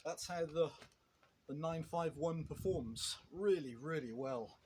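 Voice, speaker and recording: A man on his own channel talks through a chainsaw in a loose, rambling way, full of restarts and fillers. His voice sits slightly high for a man. He is recorded outdoors, with clear background noise around him. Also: takes it slowly. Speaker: chainsaw vlogger. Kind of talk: casual product review.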